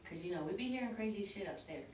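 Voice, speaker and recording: In a big old cellar, a middle-aged woman vlogs her ghost hunt in a casual way, talking nervously and cursing now and then. She speaks quickly in a mid-range, slightly mellow voice with lively intonation, over slight background noise. The camera starts on a tripod before going handheld, picking her up from a distance in the echoey basement.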